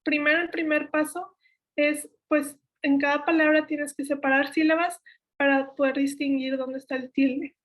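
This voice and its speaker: A young workshop instructor with a Mexican Spanish accent explains spelling rules step by step in a high voice at a moderate pace. Her delivery is steady and list-like, and she corrects herself now and then.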